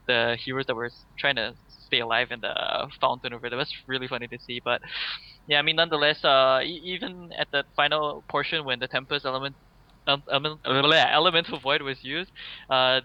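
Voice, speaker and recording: A man's voice: medium pitch, no room sound, highs cut off. A man giving casual color commentary on a video game match, hesitant, with many fillers. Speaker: esports co-commentator.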